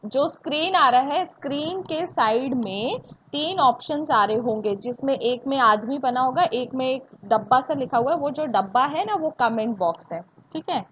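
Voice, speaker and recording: A fairly high-voiced woman with an Indian accent runs a live online maths lesson, going over each step twice and stopping to quiz her students. Her voice comes through a dull, lo-fi computer mic with a faint hiss underneath. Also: lively intonation, normal speed, a bit bright. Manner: repeats points and asks students check questions, mixing Hindi and English. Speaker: maths teacher. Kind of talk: live online class teaching.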